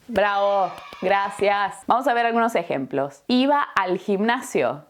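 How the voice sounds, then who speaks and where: Female teacher, slow, deliberate lesson delivery, patient tone. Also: mid-range voice. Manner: patient, adds checking tags like "¿sí?" and "¿no?". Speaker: Spanish teacher. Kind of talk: slow, clear explanatory lesson.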